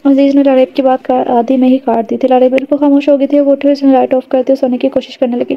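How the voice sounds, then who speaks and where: A woman's voice: sits high, flat delivery, dull audio. A woman narrating an audiobook at home, reading steadily with occasional hesitations.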